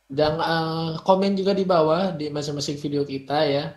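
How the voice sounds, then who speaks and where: A man's voice: a little high, level tone, moderate pace. A young man hosting a reaction video, chatting in a casual, slangy way and often repeating himself. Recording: roomy echo.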